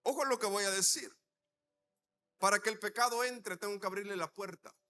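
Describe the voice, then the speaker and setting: Bright, high-voiced preacher man. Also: brisk. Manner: animated storytelling preacher acting out dialogue; rhetorical questions to the congregation. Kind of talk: sermon.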